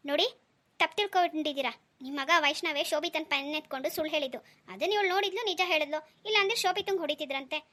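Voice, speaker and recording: A woman voicing a gentle young stepmother in a cartoon, talking in an earnest, pleading way. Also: sits high, racing. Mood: firm. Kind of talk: cartoon dialogue.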